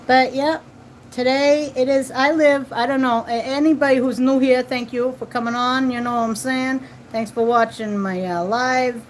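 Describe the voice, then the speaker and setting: A woman in her forties hosts a livestream from home with kids nearby, chatting casually with viewers and leaning on repeated phrases and tag questions. Her voice is high with fairly even intonation and normal speed, over a slight hiss or hum.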